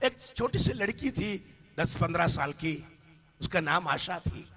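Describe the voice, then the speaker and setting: A man delivers an impassioned sermon in a high, forceful voice. He tells stories and rises to shouted peaks. The sound carries the long reverb of a big hall. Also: lively intonation, measured pace, breathy edge. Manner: impassioned, builds to shouted climaxes; storytelling with anecdotes. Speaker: preacher. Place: large hall with a live congregation.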